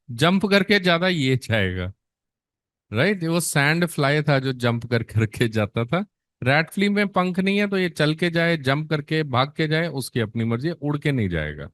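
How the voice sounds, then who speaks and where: Slow-spoken male nursing tutor. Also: on the high side, fairly bright tone, no echo, studio quality. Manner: coaxing, quizzes students and answers himself, calls them beta. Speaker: nursing exam teacher. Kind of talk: classroom lecture mixing Hindi and English.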